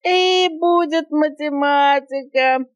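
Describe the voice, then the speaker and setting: A woman voicing a cheeky, excitable female monkey in a storybook reading, with an eager, mischievous manner. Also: high-pitched, takes it slowly, dry recording, lo-fi sound, soft background music, pitched above the performer's own voice.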